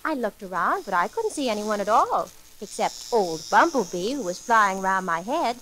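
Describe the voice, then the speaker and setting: A woman narrating a children's story for an old record in a sweet, gently theatrical way, talking kindly to a little elf. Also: medium pitch, sing-song, moderate pace, a little hiss or hum, low-quality recording. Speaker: storyteller and host.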